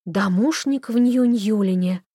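A woman voicing an eccentric, pushy older widow who talks loudly and insistently. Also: mid-range voice, measured pace, breathy edge, no echo, clean studio sound. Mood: nosy. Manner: loud, insistent, gossipy.

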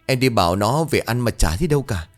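A frantic middle-aged village mother, put on by a male storyteller, wailing and pleading in a high, strained voice. She rushes her words in a loud, breathless burst, over faint background music. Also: lively intonation, lightly acted.

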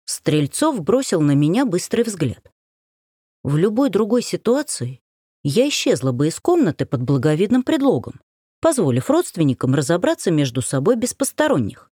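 A woman narrating a first-person novel as an audiobook, expressive and emotional. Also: lowish voice, breathy edge, no room sound, clean studio sound.

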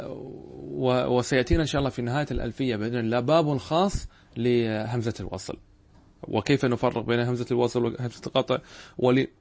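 A man teaching a grammar lesson in a measured way. He repeats key points and often stops to check that his listeners understand. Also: mid-range voice, vocal fry, a little mellow. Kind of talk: classroom lesson explaining a text.

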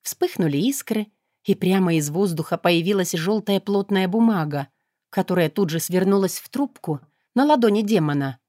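A woman narrating a first-person audiobook in a lively, sarcastic and emotional manner. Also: on the low side, normal speed, no room sound, clean studio sound.

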